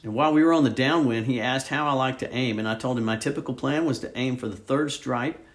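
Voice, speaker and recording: A man's voice: mid-range voice, fast talker. A man giving a casual, informal narration as a student pilot recounting a flight, with slightly hesitant phrasing. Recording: steady loud aircraft engine and cabin noise. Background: aircraft engine drone and vehicle ambience.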